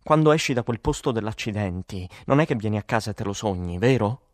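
A man's voice: mid-range voice, expressive, normal speed, darkish tone, no room sound, clean studio sound, lightly acted. A man voicing a weary, exasperated woman who sells vitamins, swearing and emphatic, in an audiobook. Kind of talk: audiobook character voice.

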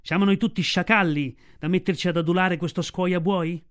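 A man voicing a bold, defiant boy raised by wolves, shouting indignantly in a storybook reading. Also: sits high, steady tone, moderate pace.

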